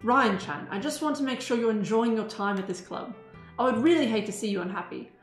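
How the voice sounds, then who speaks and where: A woman voicing a caring, polite schoolgirl club president in an amateur visual novel reading, gentle and reassuring. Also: a little high, brisk, lightly acted. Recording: roomy sound, music behind.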